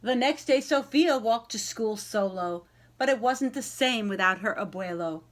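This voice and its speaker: A woman with a fairly high-pitched voice reads a children's picture book aloud in an expressive, storytelling style, speaking directly to young listeners. She's animated and pauses to ask them questions.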